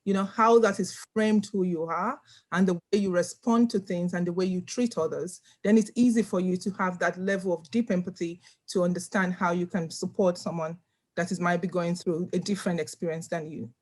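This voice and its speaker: A woman's voice: fairly low pitch, steady tone, a little fast, a little mellow. A woman from Nigeria speaking on a video call panel, earnest and emphatic, often repeating words as she stresses a point. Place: home room.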